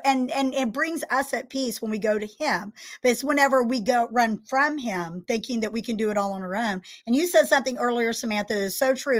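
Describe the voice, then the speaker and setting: A woman hosts a faith-based chat, answering others with affirming, preacherly encouragement. Her voice sits fairly high. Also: fairly bright tone. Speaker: host.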